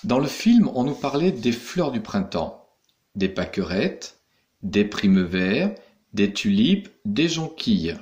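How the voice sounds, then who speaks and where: Male teacher talking slowly to little kids, patient, voice going up and down a lot. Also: lowish voice, very animated, darkish tone, lo-fi sound. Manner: slow, patient, spelling out each step. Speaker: primary school teacher. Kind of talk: recorded remote lesson instructions for young pupils.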